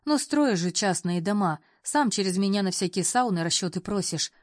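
A woman's voice: medium pitch, lively intonation, moderate pace, no echo, studio quality, natural voice. A woman voicing a cheerful, persuasive older uncle who talks in a folksy, coaxing manner.

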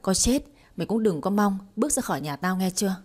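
Woman putting on a nasty older mother-in-law, shrill, fast, yelling at everyone, husky storybook voice. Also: natural voice. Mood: scolding. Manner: shrill, scolding, rapid-fire.

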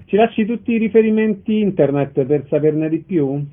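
A man's voice: on the high side, animated, normal speed. A man hosting a radio show, asking for web links and closing with thanks and good wishes. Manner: warm sign-off, thanks the guest. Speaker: radio host. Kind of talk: radio interview sign-off. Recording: thin phone-like radio sound.

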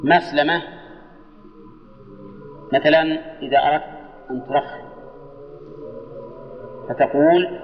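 A man's voice: on the high side, steady tone, soft background music. Older male scholar on old hall tape. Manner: measured, drawing out quoted examples. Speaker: Islamic scholar teaching Arabic grammar. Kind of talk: classroom lesson with questions to students. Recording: dull old lecture tape in a reverberant hall.

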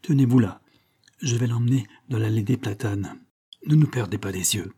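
A man's voice: on the low side, normal speed, warm tone, slightly rough. A man reading the part of a resolute young woman refusing a suitor, in an earnest, formal manner. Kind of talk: audiobook reading.

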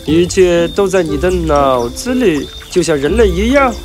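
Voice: medium pitch, expressive, a little slow, music in the background, natural voice. An actor voicing a blunt, teasing, exasperated grasshopper who banters like a know-it-all in a children's story. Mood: amused, teasing. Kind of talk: children's audio story character acting.

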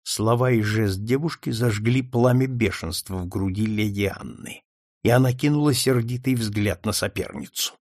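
A man reading a novel aloud as narrator in an expressive, dramatic way. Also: fairly low pitch, moderate pace, dry recording, studio quality. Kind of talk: audiobook reading.

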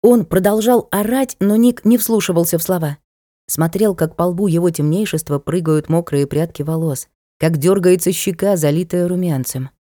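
A woman reads a fantasy audiobook in an even, measured manner. Her voice is low and dark, recorded dry and close with no room sound. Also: dry recording. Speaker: audiobook narrator. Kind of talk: scripted fantasy narration.

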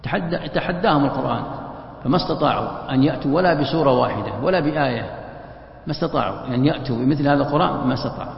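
Gravelly man teaching in an echoey hall. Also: medium pitch. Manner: explains step by step, drawing out letters to demonstrate. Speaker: Quran commentary teacher. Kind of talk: religious lesson. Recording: dull echoey hall recording.

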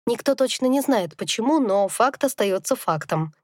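A woman narrating a first-person fantasy audiobook in a calm, reflective storytelling manner. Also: a little high, normal speed, dry recording, clean studio sound.

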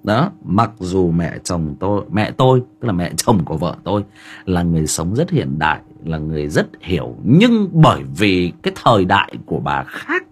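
A man's voice: deep voice, very animated, moderate pace, breathy edge. A man with a Northern Vietnamese accent, hosting a livestream and telling a family story in a casual, rambling way full of filler words. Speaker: livestream host.

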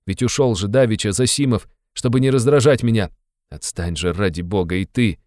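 A man's voice: fairly low pitch, a little fast, darkish tone, dry recording, clean studio sound, voice pushed up, natural voice. A man voicing a sick, irritable young man who speaks with cold, strained bitterness. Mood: bitter weary.

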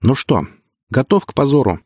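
A man voicing a jittery young village pilot in an audiobook, giving quick orders. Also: medium pitch, very animated, a little mellow, no echo, clean studio sound, voice pushed up. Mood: nervous.

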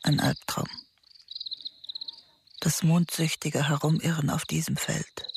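An anxious, low-voiced mother. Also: little pitch movement, slow pace, creaky, background noise, full character voice. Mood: weary, urging. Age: middle-aged. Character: anxious middle-aged mother dreading bad news. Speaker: lead character and inner narrator. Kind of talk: German radio drama acting. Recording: loud music bed under studio voice.

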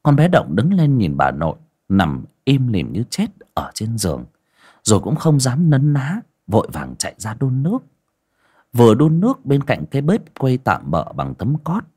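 A man narrating a folk horror story in an expressive, dramatic way. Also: mid-range voice, unhurried, slightly rough.

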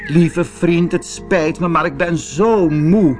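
A man's voice: a little high, slow, darkish tone, soft background music, pitched above the performer's own voice. A man voicing a timid little male mole who is fearful and worn out, in a pleading, trembling way. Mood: tired.

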